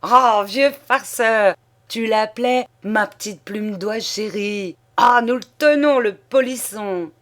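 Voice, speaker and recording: A woman voicing a jovial male office clerk who mocks a colleague in a loud, gleeful voice. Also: a little high, slow, voice pushed up. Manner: loud, gleeful, laughing mockery. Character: jovial office clerk, man, teasing prankster.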